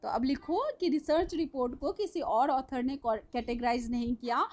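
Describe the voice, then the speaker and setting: A woman leads a live online lesson in a high, bright voice. She talks in a chatty, repetitive way and keeps checking whether her students are following. The stream audio sounds dull and lo-fi. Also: normal speed, a little hiss or hum. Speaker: teacher. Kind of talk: live online class lecture.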